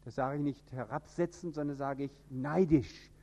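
A man from northern Germany with a standard High German accent, preaching an emphatic sermon. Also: fairly even intonation, normal speed. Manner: emphatic, with sudden rises in pitch and loudness.

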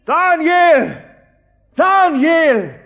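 A man playing a forceful, booming king of Babylon in a radio play. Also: sing-song, extremely slow, creaky, in a large hall, highs cut off, exaggerated voice. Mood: overjoyed.

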